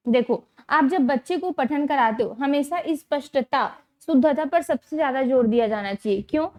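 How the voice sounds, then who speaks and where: A woman teacher giving an exam-prep lecture, repeating key terms slowly and checking understanding with rhetorical questions. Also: sits high, a little mellow.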